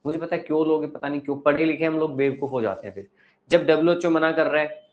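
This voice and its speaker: A man's voice: fairly high pitch, fast, highs cut off. A male teacher lecturing a class, asking the pupils questions and giving advice.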